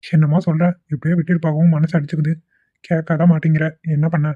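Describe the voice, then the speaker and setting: Cartoon: flat-voiced, quick young husband, a man voicing him, caring, tinny dry recording. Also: a little high, no echo, natural voice. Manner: concerned, coaxing. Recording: tinny, dry phone-like audio.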